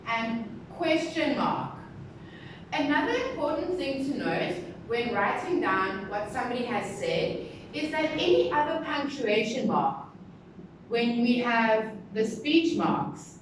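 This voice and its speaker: A woman teacher giving a recorded lesson to young pupils, speaking slowly and stressing syllables as she teaches new words. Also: sits high, distant mic. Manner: slow, deliberate, stressing syllables. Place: classroom with a board. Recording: very echoey room, voice from the mic, clear background noise.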